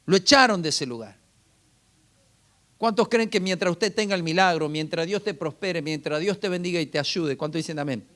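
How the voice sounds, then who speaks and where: A man's voice: high voice, moderate pace, fairly bright tone. A man preaching a sermon as pastor, often calling out to the congregation with rhetorical questions.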